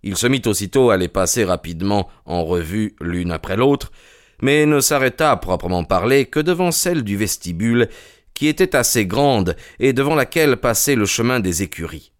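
A man reading an audiobook narration in an even, composed storytelling manner. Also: on the low side, moderate pace.

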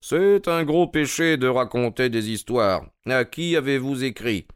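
A man's voice: mid-range voice, animated, a little slow, smooth, no room sound, natural voice. A man playing an ironic, probing detective in an audio drama reading. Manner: dry, mocking, probing. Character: sharp, ironic male detective, middle-aged.

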